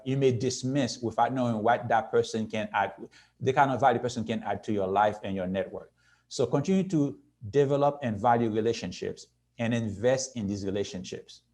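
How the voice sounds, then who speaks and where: At a youth conference, a man in his sixties gives a motivational talk, earnest and steady, repeatedly asking his audience "right?" His voice is an ordinary middle pitch, and his pace speeds up and slows down as he makes his points.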